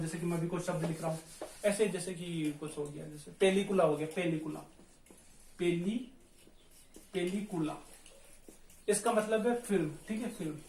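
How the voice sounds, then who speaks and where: A man from India teaching a Spanish lesson, who patiently repeats words slowly to drill pronunciation. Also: high voice, darkish tone. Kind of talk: online language lesson. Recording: echoey room, faint noise.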